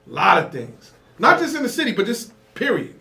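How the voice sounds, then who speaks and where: A man's voice: sits high, huge pitch swings, fairly quick, creaky, pushed and bright. A man hosting a radio mix show, joking around in slangy casual banter. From Philadelphia. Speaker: radio DJ host. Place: radio studio.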